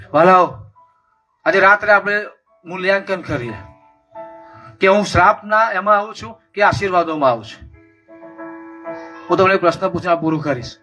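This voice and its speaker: Impassioned high-voiced male preacher. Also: normal speed, long pauses, bright, forceful tone, highs cut off, soft background music. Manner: impassioned, repetitive preaching cadence. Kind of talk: sermon.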